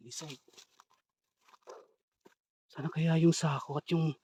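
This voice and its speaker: A man filming a ghost-hunting vlog, talking to his viewers in a hushed, tense voice. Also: a little high, a little fast, husky. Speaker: ghost hunter vlogger.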